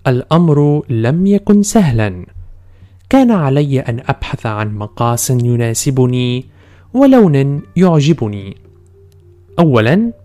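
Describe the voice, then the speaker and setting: A man's voice: medium pitch, darkish tone. A man speaking careful, formal Standard Arabic, narrating a scripted language-lesson podcast as host and teacher.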